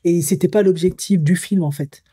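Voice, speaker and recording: A woman's voice: fairly low pitch, normal speed, warm tone, breathy edge. A woman, a coach talking through her views in a commentary vlog, musing and hesitant as she thinks aloud, sometimes reading a text. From Africa. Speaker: psycho-emotional coach.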